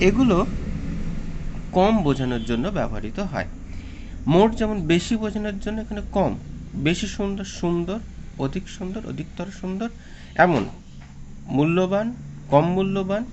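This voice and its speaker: Man teaching grammar over muffled, hissy audio. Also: fairly high pitch. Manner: patient, repeats rules and examples. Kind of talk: classroom grammar lesson. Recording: muffled lo-fi audio with background hiss.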